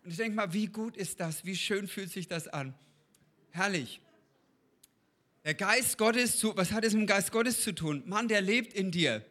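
A man's voice: sits high, a little slow, bright, forceful tone. A man giving an informal sermon in a conversational way, turning to his listeners with questions. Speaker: preacher.

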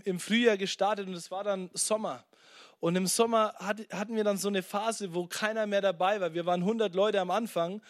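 High-voiced young man preaching. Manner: lively preaching, acts out his own past complaints, repeats key phrases. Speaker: pastor. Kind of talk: sermon.

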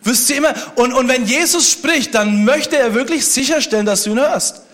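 A man's voice: very high voice, moderate pace, fairly bright tone. A man preaching a sermon, speaking conversationally and joking with the congregation. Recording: long hall reverb.

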